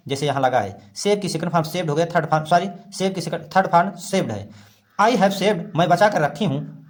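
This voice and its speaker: Slow-reading man teaching English grammar. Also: fairly high pitch. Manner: reads English phrases slowly, then explains word by word. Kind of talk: voice-over grammar lesson translating a story.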